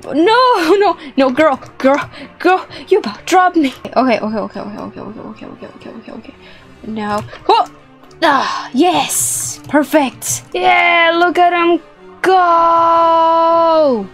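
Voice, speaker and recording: With an extremely high, bright, expressive voice, this young gaming host speaks a little slowly. She giggles, exclaims, and repeats herself throughout a playful video recorded in a small plush-filled room over background music.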